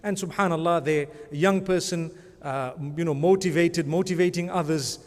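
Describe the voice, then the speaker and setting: At an awards ceremony held in a big conference hall, a man hands out an award in a rambling, chatty speech, often adding religious blessings. His voice is a little high and a little mellow, at a moderate pace, and the recording carries long hall reverb.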